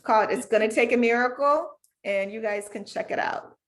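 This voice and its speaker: A woman from Zambia, a children's book author, reading her story aloud and then talking about it on a video call in a relaxed, conversational way. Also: fairly high pitch, normal speed. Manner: relaxed, conversational, many fillers. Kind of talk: reading aloud and interview answers.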